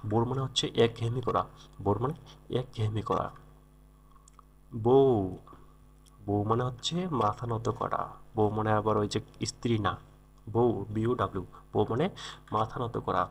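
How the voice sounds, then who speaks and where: A man's voice: on the low side, gravelly. A man teaching English vocabulary, repeating each word and its meaning and correcting pronunciation. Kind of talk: vocabulary lesson.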